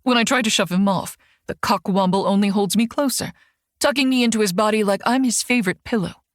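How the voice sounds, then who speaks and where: A woman's voice: mid-range voice, a little fast, dry recording, clean studio sound. A woman narrating a first-person audiobook in a wry, sardonic tone. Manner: wry, sardonic inner monologue.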